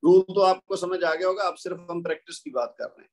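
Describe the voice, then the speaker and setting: A man teaching a recorded lesson in a patient, explaining way, with a Pakistani Urdu accent. He stops often to recite the examples slowly. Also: high-pitched, a little mellow.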